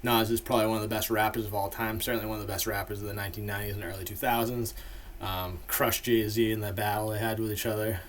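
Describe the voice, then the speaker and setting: A man's voice: fairly low pitch, flat delivery, fast, slight background noise. A man in a casual, rambling monologue full of fillers, giving his opinions as the host of a ranking video.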